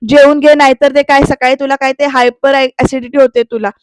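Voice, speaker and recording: A woman's voice: high voice, level tone, a little fast, no room sound, studio quality, natural voice. A woman reading the lines of a bossy, cheeky young woman who insists and teases. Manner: teasing, insistent.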